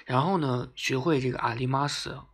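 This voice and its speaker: A man hosting a language lesson podcast, explaining words patiently and repeating them slowly for learners. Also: medium pitch, fairly even intonation, husky. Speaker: Japanese language teacher, podcast host. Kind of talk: casual spoken lesson.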